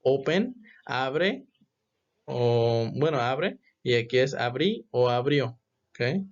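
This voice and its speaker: A man teaching a grammar lesson, explaining step by step and often checking with a quick question. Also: mid-range voice, animated, highs cut off. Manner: patient, repeats "¿ok?" to check understanding. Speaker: English teacher.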